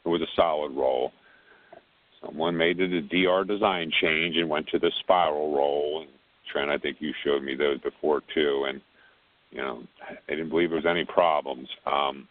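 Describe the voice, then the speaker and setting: Man, very low voice, heard over the phone, tinny call audio, rambling briefing. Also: steady tone, normal speed, no echo. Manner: rambling, repeats words. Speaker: technical support lead on a conference call. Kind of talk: casual briefing.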